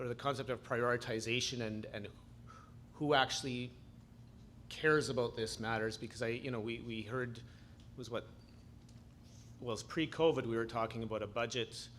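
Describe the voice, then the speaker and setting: A man's voice: medium pitch, fairly bright tone, a little hiss or hum. A man, a physician delegate, speaking from the floor of an assembly, often stammering and repeating words.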